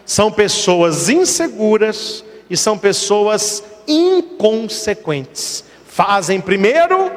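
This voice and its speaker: Lively high-voiced man preaching in a reverberant hall. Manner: storytelling with acted dialogue and rhetorical questions. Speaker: priest. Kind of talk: sermon.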